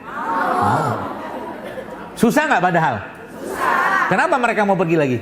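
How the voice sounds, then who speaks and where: A man's voice: sits high, very animated, racing, over a noisy crowd, very noisy. Male preacher in an echoey hall. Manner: rhetorical questions to the congregation, answers himself. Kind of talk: sermon. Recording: echoey hall recording, faint ambience.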